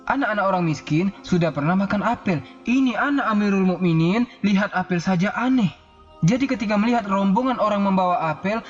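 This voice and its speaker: A man preaching to a congregation, telling a religious story earnestly and drawing out the Arabic phrases slowly. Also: high voice. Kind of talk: sermon storytelling. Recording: slightly dull recording with faint music.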